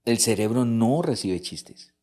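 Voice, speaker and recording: A man's voice: mid-range voice, animated, a little slow, mellow. A middle-aged man from a church couples ministry, teaching and repeating his key points. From Colombia. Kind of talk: church talk on marriage.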